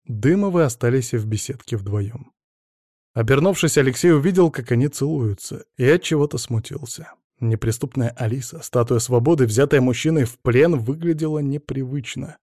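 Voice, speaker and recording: Man, audiobook narrator, mellow voice, dry close sound, even storytelling. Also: medium pitch, moderate pace, no room sound. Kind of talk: scripted narration.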